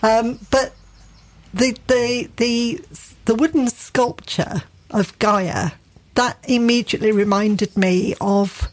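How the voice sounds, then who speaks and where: A woman's voice: fairly high pitch, fairly even intonation, slow. A middle-aged woman from England with a Derbyshire accent, co-hosting a radio gardening show in chatty, enthusiastic casual talk full of fillers and restarts. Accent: English, Derbyshire.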